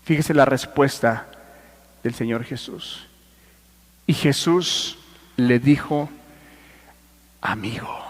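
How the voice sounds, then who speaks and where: A man preaching a sermon as pastor, swinging between hushed and forceful delivery and addressing listeners directly. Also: mid-range voice, takes it slowly, pauses often, long reverb tail. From Mexico. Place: church.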